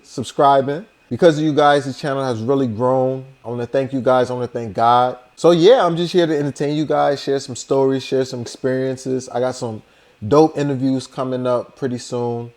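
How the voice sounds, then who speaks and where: A young Liberian man tells stories for his vlog in an easygoing, conversational way, leaning heavily on "you know" and "like." His voice is mid-range and a little mellow, and his manner is laid-back.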